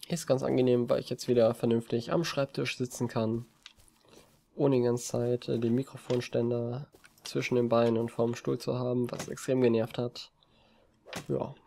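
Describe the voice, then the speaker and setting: A man giving relaxed, rambling commentary over a video game from his desk, with frequent hesitations. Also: medium pitch, creaky, slight background noise. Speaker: let's play gamer. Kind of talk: casual gameplay commentary. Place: home desk. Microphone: desk mic on a stand.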